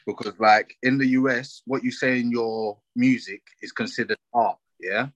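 A man with a London accent giving opinions in a casual discussion, forceful and slangy, often checking that he is being followed. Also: medium pitch, steady tone, moderate pace, no echo, low-quality recording.

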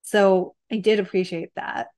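A woman chatting casually about a film, animated and full of fillers. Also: medium pitch, unhurried.

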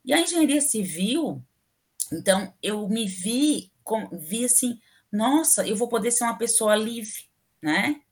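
Speaking at a measured pace, this middle-aged southern Brazilian woman has a fairly high, animated voice and a southern Brazilian Portuguese accent. A civil engineering professor guesting in a relaxed interview, she's talkative, opinionated and leans heavily on fillers.

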